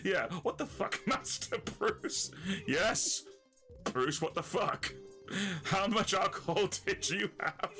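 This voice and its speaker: A man giving live gameplay commentary, excitable and swearing often, with loud bursts of laughter. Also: sits high, slow pace, soft background music. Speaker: let's play streamer.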